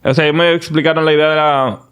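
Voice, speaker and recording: Animated man, slightly high-pitched. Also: quick pace, clear, resonant tone. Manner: animated, confident storyteller with frequent restarts. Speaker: podcast guest, entrepreneur. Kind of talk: casual storytelling interview.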